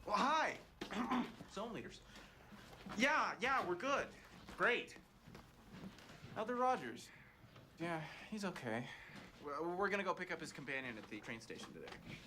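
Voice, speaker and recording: Vain eager young missionary, lively swooping voice, slightly high, noisy sound. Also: male voice, a little slow, long pauses. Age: young adult. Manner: eager, keen to please.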